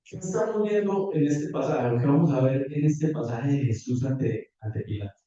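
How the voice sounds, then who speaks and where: A man preaching a sermon and reading scripture in a measured, careful way, recorded from afar in a church hall. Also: mid-range voice, dark tone. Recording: distant, echoey, muffled church audio.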